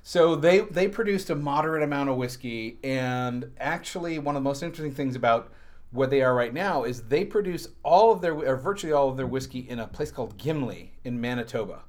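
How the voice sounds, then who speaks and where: A man's voice: mid-range voice, a little fast. A man co-hosting a casual chat, telling rambling anecdotes with dry asides. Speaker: co-host. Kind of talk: casual chat about whiskey.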